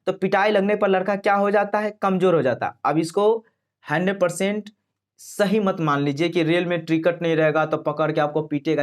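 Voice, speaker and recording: A young man teaching an exam-prep vocabulary lesson. He explains with memory tricks and asks and answers his own questions. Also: a little high.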